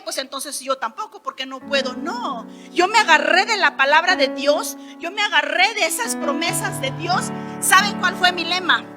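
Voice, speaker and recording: A middle-aged Mexican woman from Hidalgo giving an emphatic sermon testimony, rising to loud declarations. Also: very high voice. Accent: Mexican Spanish. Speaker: preacher. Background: soft keyboard music.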